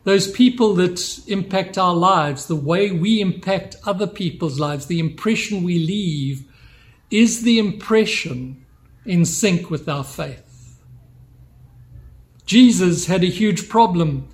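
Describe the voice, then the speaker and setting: A man preaching a sermon, slow and measured, building on repeated rhetorical questions. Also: high voice.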